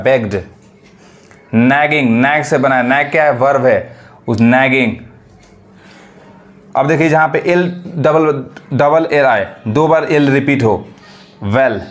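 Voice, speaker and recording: A man teaching English phonics to beginners in a Hindi accent, asking questions and repeating each word slowly. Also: medium pitch.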